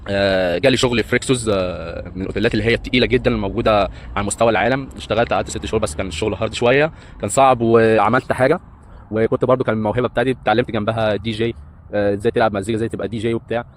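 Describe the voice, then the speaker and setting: A man's voice: lowish voice, fairly even intonation, rapid-fire, a little hiss or hum. A man in his thirties with an Egyptian Arabic accent, a breakdancer and hotel entertainer telling his life story in a rambling way, with lots of hesitant fillers. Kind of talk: casual life-story monologue.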